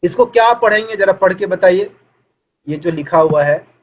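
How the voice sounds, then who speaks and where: Male teacher, high-pitched, muffled lo-fi recording; patient online lecture with questions to students. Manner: explains in Hindi, reads English lines slowly; asks students questions as if in class. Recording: dull lo-fi recording.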